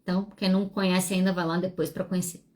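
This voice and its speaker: A woman, hosting a solo podcast as a psychologist, speaking frankly and animatedly with wide swings in pitch. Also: flat delivery, quick pace, darkish tone. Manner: frank and self-deprecating.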